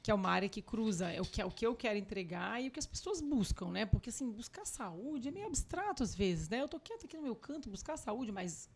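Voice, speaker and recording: A woman cardiologist talking as a podcast guest, animated and emphatic, often acting out conversations with her children. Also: a little high, slightly rough. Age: adult with young children. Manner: animated, acts out family dialogue; quick, emphatic explaining. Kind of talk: podcast interview talk.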